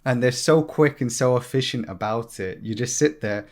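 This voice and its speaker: A young man, a podcast guest, telling lively anecdotes in casual conversation and laughing through them. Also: mid-range voice, moderate pace. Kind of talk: casual storytelling.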